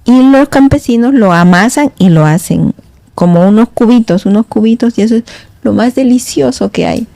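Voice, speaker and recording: A middle-aged woman, a podcast guest, telling stories in a halting, meandering way with many restarts. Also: fairly high pitch, creaky, mellow, no room sound. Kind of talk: casual storytelling in conversation. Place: podcast studio.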